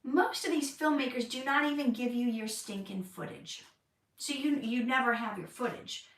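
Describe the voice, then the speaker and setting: An actress chats candidly during a casual livestream Q&A, laughing easily as she fields questions. Her voice is fairly high and creaky, at a normal speed. She's far from the mic, off-axis, in a room with noticeable echo.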